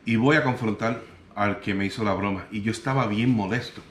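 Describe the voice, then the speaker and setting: A man from Puerto Rico with a Puerto Rican accent, telling a personal story in an animated way and acting out the other people's lines. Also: lowish voice, brisk, a little hiss or hum. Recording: roomy echo.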